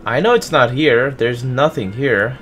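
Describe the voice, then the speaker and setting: A man's voice: mid-range voice, a little slow, a little hiss or hum. A man doing casual let's-play commentary, talking to himself and swearing when the game startles him. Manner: animated, swears and yelps at game scares. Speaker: gameplay streamer.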